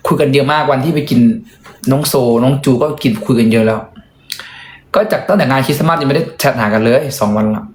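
A man's voice: mid-range voice, fast talker, reverberant. A young man, a singer and vlogger, chatting casually and joking at his own expense in a hotel room. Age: young adult. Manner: chatty, joking, self-deprecating. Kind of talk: casual vlog chat.

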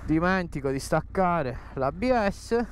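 A man's voice: on the high side, lively intonation, slow pace. A man, speaking from inside a helmet in short, enthusiastic phrases as he gives motovlog commentary. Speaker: motorcycle vlogger. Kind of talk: motovlog commentary while riding. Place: outdoors on a motorbike, inside a helmet. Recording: motorcycle and outdoor ambient noise.

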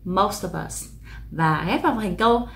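A woman teaching English pronunciation in a video lesson, explaining patiently and slowly repeating each example. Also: medium pitch, gravelly, fairly bright tone.

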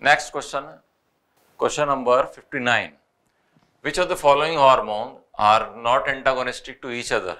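A man with an Indian accent, a biology teacher going over test answers, mixing Hindi with English and reading questions out slowly. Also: medium pitch, steady tone, pushed and bright. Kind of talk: explaining test solutions.

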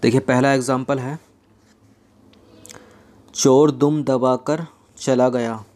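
A young man leads an exam-prep grammar lesson, reading example sentences slowly and slipping in joking asides. His mid-range voice is a little mellow, with fairly even intonation.

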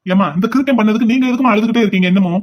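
A man's voice: high-pitched, very fast, dull audio. Man voicing a blunt scolding grown son. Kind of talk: cartoon voice acting.

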